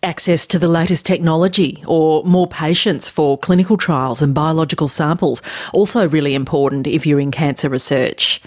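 A woman's voice: deep voice, steady tone, normal speed, a little mellow. A woman hosting a radio science show, narrating a scripted story with dry asides.

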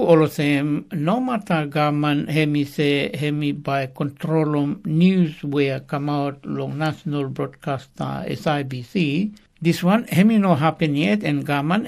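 Gravelly Solomon Islands Pidgin newsreader, a man. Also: on the high side, darkish tone. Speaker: radio news presenter and interviewer. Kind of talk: news reading and interviewing in Solomon Islands Pijin.

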